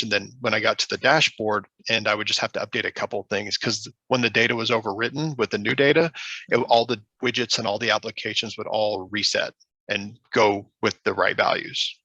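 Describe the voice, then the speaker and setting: Guy presenter on a video call, kinda low voice, bright tone, dry sound, rambles and corrects himself. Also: fairly even intonation, fairly quick, slightly rough, no echo, dull audio. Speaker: conference presenter. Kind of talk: casual Q&A answer.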